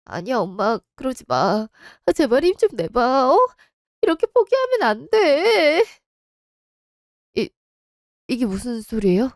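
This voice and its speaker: A woman's voice: mid-range voice, normal speed, a little mellow, no room sound, clean studio sound, close to an everyday voice. A woman voicing a distraught young wife and daughter, emotional and pleading. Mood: desperate.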